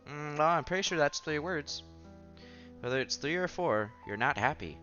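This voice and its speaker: With a slightly high, bright voice and a forceful, expressive delivery, a man reads a visual novel aloud while streaming it, at a moderate pace. He throws in casual asides and stumbles occasionally. Background game music plays beneath dull, lo-fi sound.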